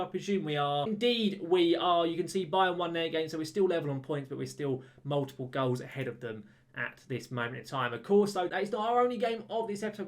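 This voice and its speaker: A man giving casual, chatty commentary over a football management game, getting excited when goals go in. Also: on the high side. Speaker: gaming YouTuber. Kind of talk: let's-play commentary.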